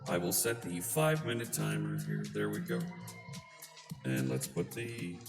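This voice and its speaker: A live coding streamer talking through a voice changer that shifts the voice deep, chatting casually with a wry, self-deprecating manner. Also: sing-song, a little slow, creaky. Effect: deep pitch-shifting voice changer. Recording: roomy sound with music behind. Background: background music.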